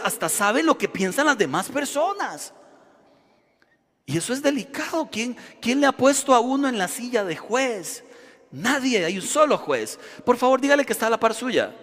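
Male pastor, lively sermon delivery with acted-out crowd shouts, fairly high voice, reverberant hall. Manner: animated, acts out shouting crowds.

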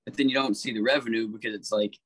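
A man talking casually as a podcast guest, animated, swearing freely and pitching story ideas. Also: fast talker, breathy edge, no room sound, poor audio.

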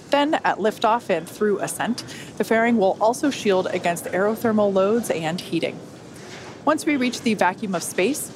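Woman hosting, with background noise. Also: mid-range voice. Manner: clear explanatory presenting. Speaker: webcast host and engineering manager. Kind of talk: scripted launch webcast narration.

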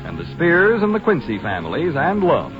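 Lively old-time radio announcer. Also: male voice, a little high, moderate pace. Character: folksy, genial male announcer of an old radio comedy. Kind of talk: old radio announcer, 1940s scripted delivery. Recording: muffled 1940s radio broadcast, music.

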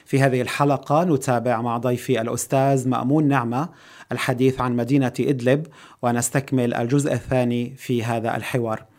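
Male host, mid-pitched, brisk formal interviewer. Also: little pitch movement, a little mellow. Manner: polite, formal introducing. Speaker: podcast host. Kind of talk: podcast interview.

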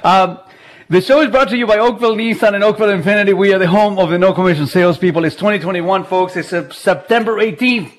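A man's voice: sits high, quick pace. A man hosting a live radio call-in show from his home, chatty and jokey, laughing often. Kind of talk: casual live radio talk. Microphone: video call.

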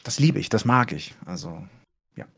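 A man who commentates esports, chatting casually and letting his voice deliberately rise and fall as he talks. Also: sing-song, fairly bright tone. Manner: deliberately rises and falls in pitch while telling. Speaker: esports caster. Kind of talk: casual podcast chat.

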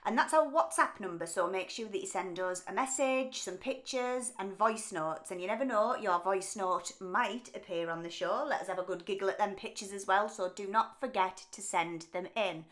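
A woman's voice: medium pitch, normal speed, few pauses, a bit bright. A woman chatting casually as a podcast host, in a breezy, jokey way.

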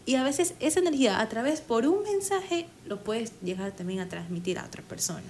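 A woman talking casually in a conversation, chatty and quick to act out small quoted moments. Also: a little high, very animated, darkish tone, slight background noise.

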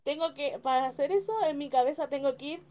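A woman's voice: sits high, steady tone, fast talker, crowd noise. A young Chilean woman co-hosting a casual chat, teasing and slangy. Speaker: podcast co-host. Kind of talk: casual chat among friends.

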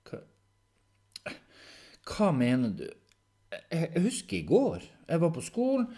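A man's voice: fairly high pitch, huge pitch swings, mellow, slightly rough, pitched above the performer's own voice, heavily acted. A man voicing a confused schoolboy in an audiobook story, hesitant and stammering. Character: confused schoolboy, dazed and uneasy.

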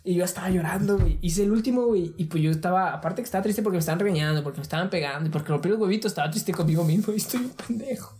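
A man's voice: high-pitched, racing, hardly any pauses, darkish tone. A man with a Mexican accent casually telling a story from his childhood in slangy, rambling chat, dropping fillers into every phrase.

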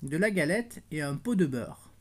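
Storybook little girl, innocent and polite, read by a woman with a low voice. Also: animated, moderate pace.

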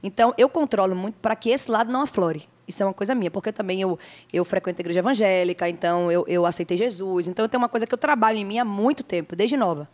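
A woman rattles along at a breakneck speed, her voice sitting in a middle pitch. She talks animatedly as a podcast guest, leaning on repeated words for emphasis. It sounds like a podcast studio. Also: rapid-fire. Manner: animated, talks about herself with emphatic repetition. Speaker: guest singer. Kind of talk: casual podcast chat.

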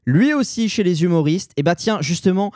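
Sarcastic, animated male podcaster. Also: high-pitched, a little fast, no echo, clean studio sound. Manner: sarcastic, animated, hesitant fillers. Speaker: podcast host. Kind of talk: opinionated commentary podcast.

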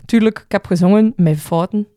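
Flemish woman, podcast co-host, low alto, lively storyteller with a bit of swearing, dry close sound. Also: brisk, dry recording. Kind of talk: casual podcast chat.

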